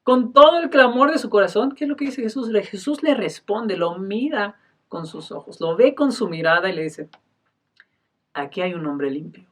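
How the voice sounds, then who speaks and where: A male pastor giving a sermon, emphatic, moving between loud and soft delivery and often clearing his throat. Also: high-pitched, animated, normal speed, far from the mic.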